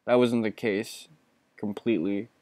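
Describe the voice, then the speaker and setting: A man's voice: on the low side, fairly even intonation, unhurried, a little mellow, no echo. A man in his thirties giving casual, profane, self-mocking commentary while playing a game. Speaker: let's play host.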